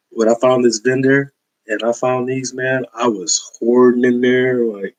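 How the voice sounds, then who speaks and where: Showing his comic book finds, this man uses a mid-range voice with fairly even intonation and a slow pace. His chat is easygoing and rambling, packed with slang and fillers, and the audio is rough.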